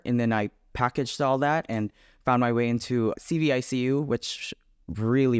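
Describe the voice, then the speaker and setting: A man in his thirties from the Philippines with a Filipino accent, a nurse chatting as a guest on a video call interview, upbeat and quick to laugh. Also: mid-range voice, smooth, no echo, clean studio sound. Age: 30s. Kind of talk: casual interview chat.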